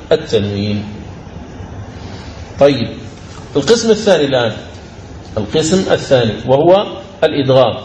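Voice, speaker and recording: Male recitation teacher, fairly high voice, lecture delivery with slow chanted examples; echoey room, faint background noise. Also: a little mellow. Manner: explains step by step, repeating key phrases. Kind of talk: recorded lecture on recitation rules. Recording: roomy recording with faint ambient noise.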